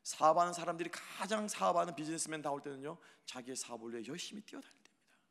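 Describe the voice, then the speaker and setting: A male pastor giving a Sunday sermon in a church. He swings between loud, impassioned preaching and hushed, near-whispered lines, and he puts rhetorical questions to the congregation. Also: fairly high pitch, racing, gravelly, in a large hall. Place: church sanctuary.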